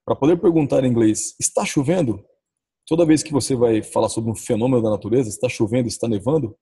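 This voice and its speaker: A man with a Brazilian Portuguese accent teaching English in a recorded lesson, saying the English example phrases slowly and drawn out. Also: medium pitch, mellow, slightly rough. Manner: says English model phrases slowly and drawn out, often adds "ó".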